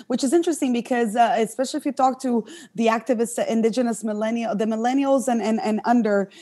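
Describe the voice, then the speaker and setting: A woman moderating a webinar panel over a video call, measured and with fillers as she speaks. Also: fairly high pitch, warm tone.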